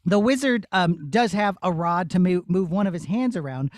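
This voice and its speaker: Speaking at a normal pace in a high, animated voice, a puppeteer walks children through his show in a puppet theatre studio, using simple words and going step by step in a demonstration and Q&A. The studio sound is clean with no echo.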